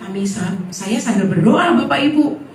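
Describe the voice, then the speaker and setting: A woman's voice: mid-range voice, moderate pace, faint music behind. Woman preaching in an echoey hall. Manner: lively storytelling, acting out dialogue. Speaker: guest preacher. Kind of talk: sermon with personal testimony. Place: church hall. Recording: echoey hall, mic from far off.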